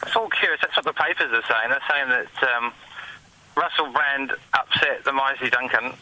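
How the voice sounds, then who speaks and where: A man calling in to a radio show from his car, answering briskly and politely. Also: medium pitch, pushed and bright, low-quality recording. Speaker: radio show guest, publicist. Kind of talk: call-in radio interview. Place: in a car by the roadside.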